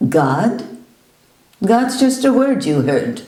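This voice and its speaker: A woman's voice: medium pitch, very animated, moderate pace, warm tone, roomy sound, voice pushed up, natural voice, low-quality recording. A woman voicing a stern elderly male Indian sage who fires brusque, challenging questions.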